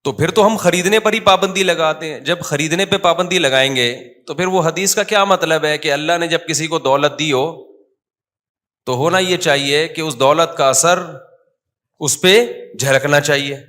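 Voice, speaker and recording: A man with a Pakistani Urdu accent preaches in a mosque, and his voice is bright and forceful, set a little high. He talks in a casual teaching way and often stops to ask the listeners questions. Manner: conversational preaching, quizzes the audience with questions. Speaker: mufti giving a Friday talk. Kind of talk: sermon.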